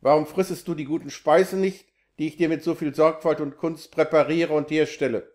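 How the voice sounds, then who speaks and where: Harsh scolding sorcerer, male, scheming, read by a man, higher voice. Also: steady tone, moderate pace, darkish tone, close to an everyday voice.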